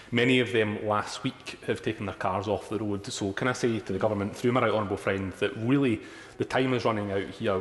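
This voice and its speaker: A man with a lowish voice speaks rapidly in a parliamentary debate. He is pressing and insistent as he makes his intervention. The chamber gives his words a strong echo. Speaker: member of parliament. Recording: echoey hall with long reverb.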